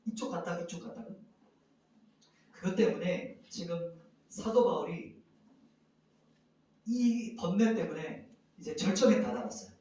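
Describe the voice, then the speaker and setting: A man preaching a sermon as a pastor, lively and animated, acting out loud cries and sighs of lament. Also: high-pitched, heavy reverb, far from the mic, poor audio.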